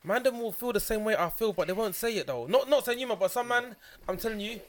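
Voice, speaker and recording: A fast-talking man with a high voice and a London roadman accent. He co-hosts casual podcast banter in slangy street talk, hammering his points through repetition. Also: expressive. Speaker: podcast co-host.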